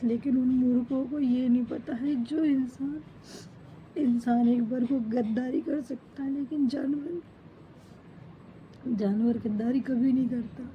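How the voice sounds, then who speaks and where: A woman's voice: high-pitched, steady tone, a little slow, highs cut off, slight background noise. A middle-aged woman, a mother grieving for a lost pet, talking in short, broken phrases. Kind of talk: emotional personal account to camera.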